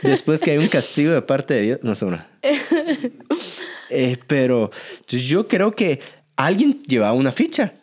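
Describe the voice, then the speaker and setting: A man in his thirties with a Guatemalan Spanish accent, co-hosting a casual podcast, explaining things with a lively manner and frequent laughs. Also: mid-range voice, normal speed, breathy edge. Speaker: podcast co-host, father, church member.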